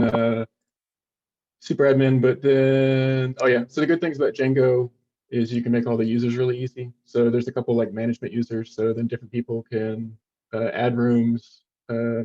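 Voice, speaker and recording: A man's voice: mid-range voice, darkish tone, muffled recording. A man student casually demoing his project, rambling with lots of fillers and offhand remarks.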